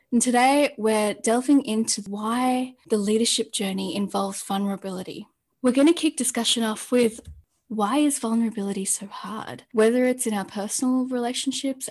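A woman's voice: on the high side, a little mellow. A woman born in New Zealand, hosting a podcast and opening the discussion in a welcoming way. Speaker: podcast host.

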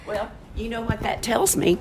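A woman's voice: on the high side, fairly even intonation, moderate pace, background noise. An older grandmother, teasing bluntly in a casual family chat as a guest.

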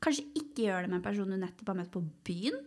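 A woman's voice: mid-range voice, lively intonation. A young woman talks as a podcast co-host in a loose, casual chat. She is blunt and teasing, and she laughs easily.

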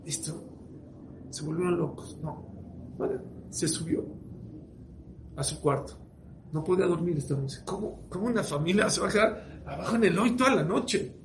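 A man, preaching as a rabbi, who tells a story with lively voiced dialogue. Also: high-pitched, normal speed, pauses often, a little hiss or hum. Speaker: rabbi giving a talk. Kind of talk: sermon story.

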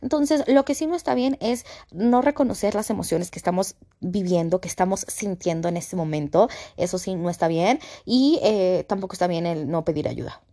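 A young Mexican woman hosting a podcast, talking casually and acting out quoted voices with big jumps in pitch. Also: moderate pace, few pauses, dark tone. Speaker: podcast host. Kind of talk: casual monologue.

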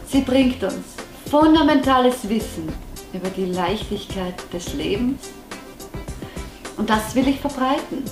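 A woman vlogger in an earnest, effusive chatty monologue addressed straight to the viewer. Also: a little high. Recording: echoey room with faint music behind.

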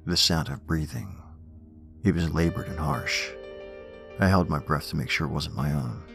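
A man hosting a horror podcast, reading scripted stories and poems in a measured, theatrical manner. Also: a bass voice, creaky, over music.

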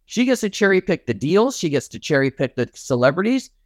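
A man's voice: sing-song, fairly quick, no echo. A middle-aged man, a networking expert guest, talking with punchy enthusiasm in an interview. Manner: enthusiastic, punchy, acts out his own pitches. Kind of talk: energetic interview talk.

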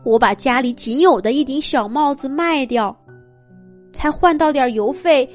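A woman's voice: sits high, unhurried, soft background music, pitched above the performer's own voice. A woman voicing a mother mouse who mourns her family's lost fortune in a children's story. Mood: sorrowful. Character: grieving, worn-out mother mouse.

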